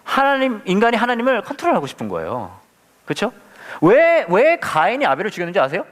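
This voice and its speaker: A man's voice: high voice, wildly swooping pitch, fairly quick, fairly bright tone, big-room sound. A man who is a pastor, leading a casual Bible study, playful and full of questions for the audience. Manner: playful, asks the audience many questions, acts out quotes with humor.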